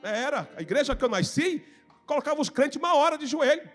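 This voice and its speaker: Fervent high-voiced Brazilian preacher man. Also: expressive, quick pace, soft background music. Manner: fervent, shifts from storytelling to shouted exhortation. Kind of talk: Pentecostal sermon with testimony. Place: church service.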